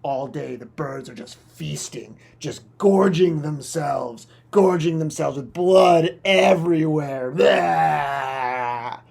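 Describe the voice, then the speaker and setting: A man's voice: a little high, slow pace, vocal fry, few pauses, a little mellow, husky. A male teacher explaining a science concept through a dramatic, playful story full of sound effects. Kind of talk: animated storytelling lesson.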